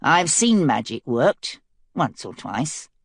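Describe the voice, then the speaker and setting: Woman playing sly scheming prisoner guy, low mocking drawl, dry close sound. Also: sing-song, slow, husky, dry recording, exaggerated voice.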